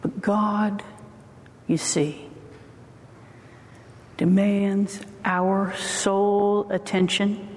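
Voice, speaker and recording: A woman pastor delivering a sermon in a deliberate, emphatic preaching cadence. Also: medium pitch, flat delivery, darkish tone. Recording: echoey hall with long reverb.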